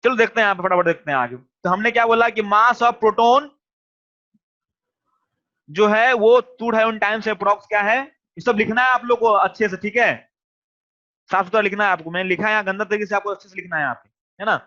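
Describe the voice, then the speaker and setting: An online teacher, male and high-pitched, repeats his questions until the class answers, speaking fairly quickly. His voice rings out brightly, though the recording itself is dull and lo-fi.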